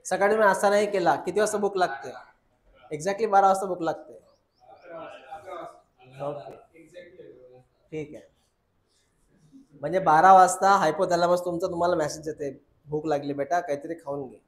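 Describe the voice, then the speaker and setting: Man, high voice, biology teacher, quizzes the class over and over, echoey room. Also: normal speed, long pauses. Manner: drills students with repeated questions, calls them beta. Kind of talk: classroom lecture.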